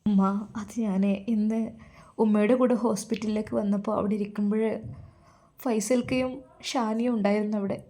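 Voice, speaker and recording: A woman voicing a soft-spoken young college student daughter, reassuring her mother in a storybook. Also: on the high side, fairly quick, close to an everyday voice. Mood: defensive.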